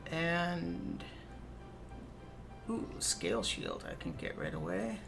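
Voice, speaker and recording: Game music plays in the background as a Minnesotan-accented woman streams her gameplay and chats in a relaxed, playful way. She speaks slowly in a lowish, creaky voice whose pitch swoops wildly.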